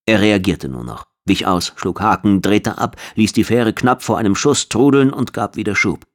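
A man narrating a science fiction story in a steady, measured reading. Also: fairly low pitch. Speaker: audiobook narrator. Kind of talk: scripted narration.

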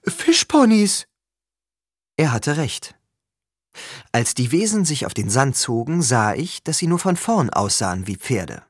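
A man reading a first-person story aloud as an audiobook, with expressive, lively storytelling. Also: medium pitch, unhurried, no echo, clean studio sound. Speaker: audiobook reader.

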